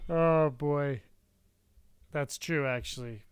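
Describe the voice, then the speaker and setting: A man's voice: a little high, takes it slowly, clear, resonant tone, dry recording, clean studio sound. A man co-hosting a casual livestream podcast who laughs often, pokes fun at himself and wanders off topic. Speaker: podcast co-host.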